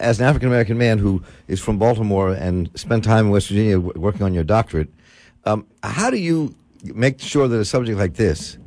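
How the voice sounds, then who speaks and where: A man with a smooth radio-host voice, hosting a call-in radio talk show from the studio and taking callers. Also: on the low side, darkish tone, no room sound. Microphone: studio microphone.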